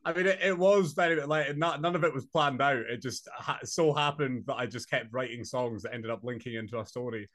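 Young man with a Highland Scottish accent. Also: a little fast, hardly any pauses, fairly bright tone. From Inverness, Scotland. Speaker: podcast guest, singer-songwriter. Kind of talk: casual interview chat.

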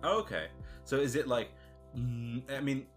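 A man hosts a casual podcast and talks in a loose, rambling way, full of "uh" and restarts. His voice sits at an ordinary middle pitch. Soft guitar music plays faintly behind him. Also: measured pace. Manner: rambling, filler-heavy, friendly questions. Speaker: podcast host. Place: lives and works in Russia as a foreigner.

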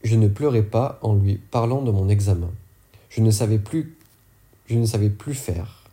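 A man's voice: fairly low pitch, moderate pace, dark tone. A man reading an audiobook narration steadily, now and then correcting a slip. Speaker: audiobook reader.

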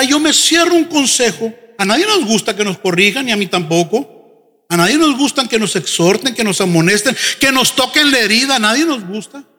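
A man preaching a sermon as pastor, animated and often mimicking congregants in quick asides. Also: extremely high pitch. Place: church sanctuary. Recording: church hall with long reverb.

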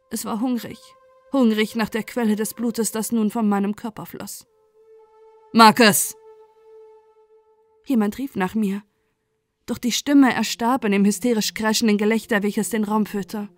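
A woman narrating a first-person horror audiobook in a measured, dramatic storytelling manner. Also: a little high, a little mellow, dry recording. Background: faint music.

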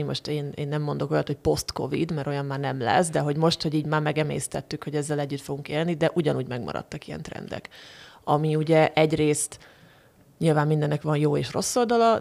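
A woman's voice: deep voice, creaky. A woman researcher in her thirties, a podcast guest who talks in a casual, hesitant way with many restarts. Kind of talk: casual discussion.

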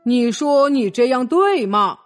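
A woman's voice: a little high, unhurried, soft background music, voice pushed down. A woman voicing a serious, admonishing ancient male scholar in a children's story. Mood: stern. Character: stern earnest ancient male scholar friend.

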